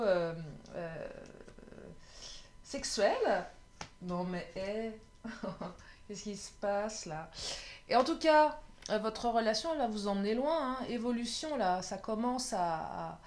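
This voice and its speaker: A woman doing a casual love tarot reading, chatty and often laughing, sometimes tripping over her words. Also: mid-range voice. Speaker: tarot card reader.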